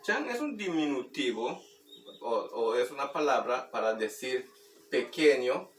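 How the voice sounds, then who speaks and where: A man teaching Maya words through a children's song, speaking slowly and patiently and repeating words for practice. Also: medium pitch, expressive. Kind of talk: explaining and demonstrating a children's song. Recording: roomy, distant mic, faint background noise.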